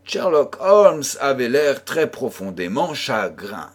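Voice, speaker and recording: Male narrator, audiobook reading, slow, expressive and lively pitch. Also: breathy edge. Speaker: audiobook reader.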